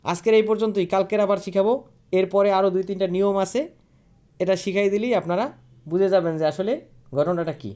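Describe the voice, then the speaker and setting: High-voiced man teaching grammar. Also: fairly even intonation, fast, warm tone, clean tone. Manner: asks questions and answers them himself, repeating key words. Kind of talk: online grammar lesson.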